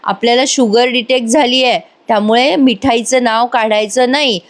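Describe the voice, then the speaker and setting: A woman voicing a firm, motherly middle-aged housewife who talks briskly and matter-of-factly. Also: a little high, steady tone, natural voice.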